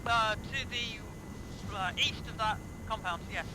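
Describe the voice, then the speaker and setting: A man's voice: high-pitched, slow. A man acting as gunner and spotter in a military game, giving casual callouts of positions and movement. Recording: loud helicopter engine noise behind.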